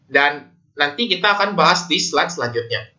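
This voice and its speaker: With lively intonation and a voice on the high side, a male accounting lecturer with an Indonesian accent explains things in an informal, conversational lecture, often checking in with listeners. He speaks at normal speed with a sharp tone, and the recording is muffled.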